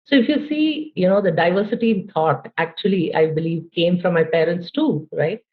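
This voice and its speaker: A woman in her late forties from India, with an Indian accent and a lowish, animated voice at normal speed, is a guest in a conversational podcast interview. She speaks thoughtfully, often saying "you know," over a tinny, phone-like line.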